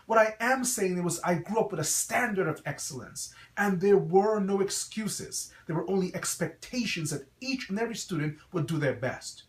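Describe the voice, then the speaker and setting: The speaker is a school founder and reverend, a middle-aged man whose slight Guyanese accent colors a high-sitting voice. Recorded on a distant mic in an echoey, reverberant room, he gives an earnest promotional address to camera, formal and emphatic like a preacher.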